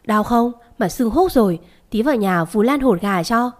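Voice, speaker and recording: A woman's voice: fairly high pitch, expressive, moderate pace, darkish tone. Old nanny, poor, timid, protective, stammering, read by a woman. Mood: scolding, tender. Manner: stammering, scolding outburst.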